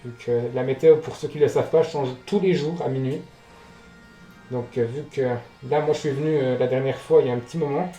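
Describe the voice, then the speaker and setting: A man doing casual let's play commentary, reacting out loud, swearing and talking to the game. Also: medium pitch, fairly quick. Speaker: gaming video host. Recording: roomy echo, game music behind. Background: game music.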